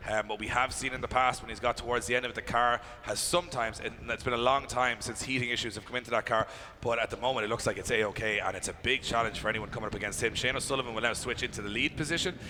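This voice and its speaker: A man's voice: medium pitch, pushed and bright. A man working as motorsport commentator and event announcer, chatty and emphatic as he hypes live racing. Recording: clear engine and outdoor track noise.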